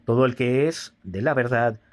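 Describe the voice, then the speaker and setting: A man reading Jesus, slow and grave. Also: mid-range voice, natural voice. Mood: solemn. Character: calm grave adult male teacher, Jesus.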